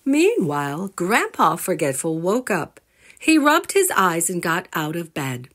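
A woman whose voice is lowish and a little slow reads aloud from a children's storybook. Addressing young listeners as a storyteller, she is expressive and puts questions to them.

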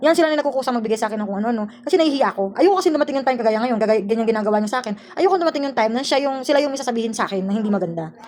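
Rapid-talking Filipina vlogger, aggrieved. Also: female voice, on the high side, expressive, darkish tone. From Philippines. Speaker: overseas domestic worker. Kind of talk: casual storytelling vlog. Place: employer's house indoors.

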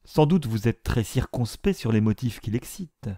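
A man's voice: lowish voice, expressive, measured pace, gravelly, dark tone, no room sound, studio quality, full character voice. A man voicing a witty young woman who asks pointed, probing questions.

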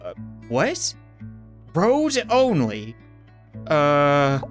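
A woman hosts a let's-play video, reacting animatedly as she builds and fails. She talks back to the game with dry sarcasm, and her voice sounds a little worn. Soft music plays faintly behind her. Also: mid-range voice. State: straining voice. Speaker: gaming video host.

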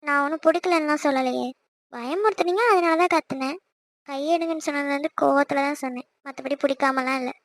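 A woman's voice: high-pitched, a little fast, no room sound. A young woman voicing a playful, scolding young wife in a cartoon. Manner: chiding, teasing. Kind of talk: cartoon voice acting.

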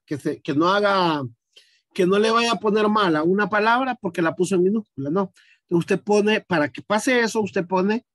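High-voiced male teacher walking through a lesson. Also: dry recording, clean studio sound. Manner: explains step by step, asks students questions. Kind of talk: online class demonstration.

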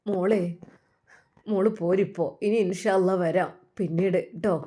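A woman voicing a calm, kindly older father with a Malabar Malayalam accent, coaxing patiently. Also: lowish voice, unhurried.

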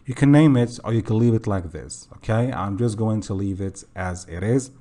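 A young man hosting a software screen tutorial in a casual voice-over, often pausing with "okay" and correcting himself. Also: on the low side. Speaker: tutorial host.

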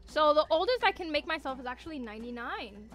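High-pitched, animated, and fast, this woman is a VTuber streaming games. She chats loosely with her audience, teasing and reacting to their messages with playful, theatrical emphasis.

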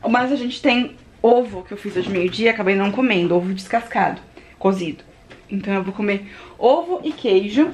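A woman's voice: medium pitch, a little hiss or hum. A young woman, chatting animatedly to her viewers in a casual home vlog. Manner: chatty, animated storytelling, addresses viewers directly. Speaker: vlogger.

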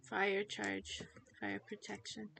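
A teenage girl streams a game while chatting casually to her viewers, giggly, quick to laugh and easily distracted by herself. Her medium-pitched voice is creaky and fairly bright, yet her delivery is completely flat.

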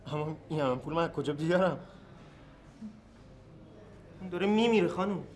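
An actor playing a desperate young man who shouts, pleads and threatens hospital staff to save his dying sister. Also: on the high side, animated, natural voice. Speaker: patient's brother.

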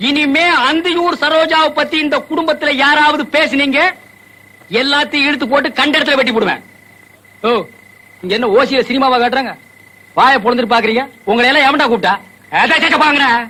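A domineering village man threatens and scolds in a film drama. His voice sits very high and sounds sharp and cutting. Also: fairly quick, low-quality recording. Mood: angry. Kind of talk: Tamil film acting.

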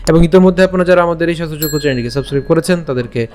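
A young man patiently teaching pronunciation, reciting verses slowly syllable by syllable and asking and answering his own questions. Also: a little high, darkish tone, slight background noise. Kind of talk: pronunciation lesson with slow recitation.

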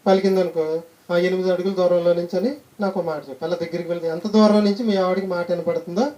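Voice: medium pitch, steady tone, quick pace, warm tone, close to an everyday voice. A preacher voicing a patient male doctor in a sermon story, speaking firmly and reasoning things out.

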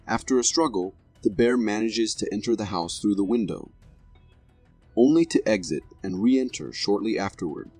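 A man's voice: lowish voice, normal speed, darkish tone, breathy edge, dry recording, faint music behind. A man reading scripted narration for a video compilation in a dramatic, formal manner.

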